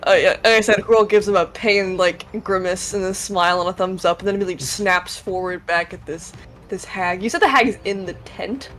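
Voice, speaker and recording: A woman's voice: mid-range voice, a little fast, fairly bright tone. A woman playing a tabletop game, chatting casually in a wry, sarcastic manner. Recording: music playing behind. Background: background music.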